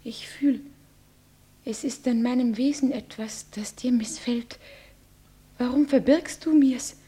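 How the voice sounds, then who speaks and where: A breathy, pleading young bride. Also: female voice, on the high side, slow, mellow. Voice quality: breathy, often whispering. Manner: pleading, trembling. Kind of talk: classic radio play acting.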